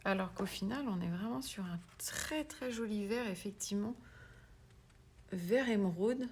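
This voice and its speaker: A woman giving a casual craft tutorial. She talks chattily and drops into soft whispered asides as she works. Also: mid-range voice, unhurried, slight background noise. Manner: self-mocking, laughs at her own English pronunciation. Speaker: craft demonstrator.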